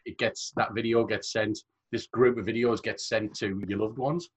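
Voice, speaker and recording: A man's voice: fairly low pitch, fairly even intonation, normal speed. A man co-hosting a podcast, chatting casually and joking as he rambles. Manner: joking, rambling, laughs often. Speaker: podcast co-host. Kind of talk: casual chat.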